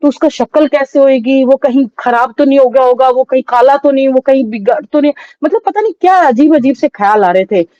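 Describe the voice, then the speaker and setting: A middle-aged woman recounting a painful loss as an interview guest, in a halting, sorrowful way with many restarts. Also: high-pitched, dark tone, dry recording, dull audio. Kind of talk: emotional personal testimony.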